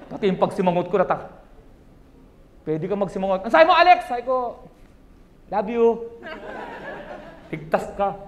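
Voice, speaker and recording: A man doing a stand-up comedy set at a wedding reception, animated and acting out the voices he quotes. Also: sits high, roomy sound, a little hiss or hum.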